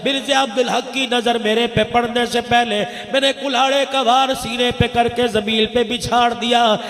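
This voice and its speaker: A man's voice: very high voice, fairly even intonation, normal speed, a bit bright. A man preaching a sermon, telling a story with an impassioned, chanting cadence. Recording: echoey hall with long reverb.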